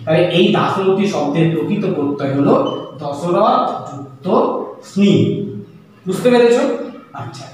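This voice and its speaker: A man's voice: high voice, animated, normal speed, long pauses, a little mellow, faint music behind. Man teaching in an echoey room. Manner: patient, repeats each step, asks and answers his own questions. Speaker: Bengali grammar teacher. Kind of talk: whiteboard grammar lesson. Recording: echoey room, far from the mic, faint hum.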